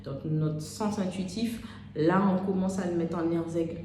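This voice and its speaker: A woman in her thirties, a life coach giving an unscripted motivational talk, speaking straight to the listener and pausing often on "euh". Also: on the low side. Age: 30s. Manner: unscripted, addresses listener as "tu", many "euh" pauses. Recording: very echoey room with steady background noise.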